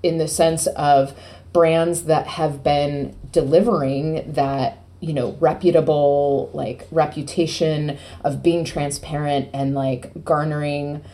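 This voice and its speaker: A woman chats on a podcast in a deep, mellow voice. She rambles playfully and fills her talk with "like" and "you know". Her tone stays warm and dark. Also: fairly even intonation, takes it slowly. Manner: rambling, playful, filler-heavy. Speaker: podcast co-host, PR agency. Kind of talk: casual podcast chat.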